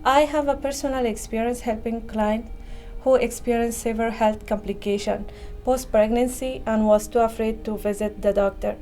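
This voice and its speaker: A woman's voice: on the high side, fairly even intonation, normal speed, dark tone, soft background music. A woman from Afghanistan, a childbirth educator, reading her personal testimony in an earnest, careful way. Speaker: childbirth educator and community liaison.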